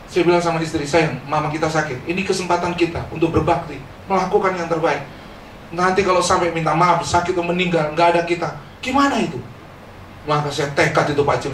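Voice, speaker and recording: A middle-aged man, a pastor, preaching a lively, joking sermon and calling on the congregation to say amen. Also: on the high side, slight background noise. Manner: lively and joking, calls for amens. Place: church. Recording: echoey church hall, distant mic.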